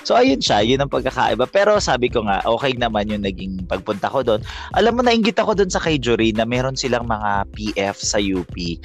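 A man tells stories casually, backtracking as he goes. His pitch is average, and faint music sits behind him. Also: very animated, brisk. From Gapan, Nueva Ecija, Philippines. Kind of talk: casual reminiscing.

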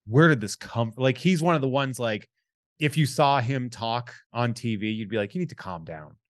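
A man's voice: medium pitch, lively intonation, normal speed, dry recording. Joking man host, dry close mic. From New England. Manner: rambling, jokey, reads listener shout-outs. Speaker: podcast host. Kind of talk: casual chat.

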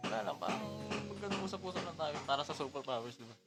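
A young man with a notably high voice banters through a casual podcast at a brisk clip. He sounds easily amused, and loud music plays under him. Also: expressive. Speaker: podcast co-host. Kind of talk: casual chat.

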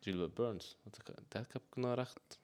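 Calm, low-voiced Swiss German co-host. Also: male voice, moderate pace, a crowd in the background. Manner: calm and explanatory, hesitant with fillers. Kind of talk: casual chat.

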